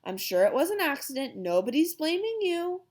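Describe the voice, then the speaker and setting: A woman's voice: high voice, big pitch swings, moderate pace, darkish tone, pitched above the performer's own voice. A woman voicing a doting, soothing mother with a cooing, motherly manner in a children's story. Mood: calm, reassuring. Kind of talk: children's audiobook character voice.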